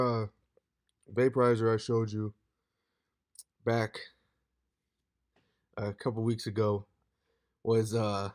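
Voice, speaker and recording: A hoarse man in his late twenties rambling loosely in a casual vlog, saying "dude" constantly. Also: mid-range voice. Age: 20s. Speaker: vlogger.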